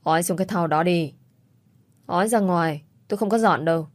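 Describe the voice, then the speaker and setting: A woman's voice: on the low side, fairly quick, dry recording, close to an everyday voice. A woman voicing a cold, sneering young man who speaks in clipped, icy lines in a storybook reading.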